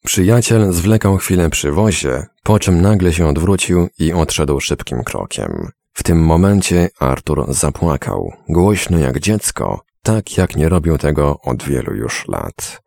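Male audiobook narrator, extremely low bass with gravel, expressive rise and fall, dry close sound. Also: no room sound. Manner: measured, dramatic storytelling. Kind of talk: scripted narration.

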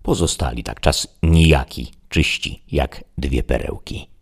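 Very deep gravelly male narrator. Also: measured pace. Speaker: audiobook narrator. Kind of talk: scripted narration of a classic novel.

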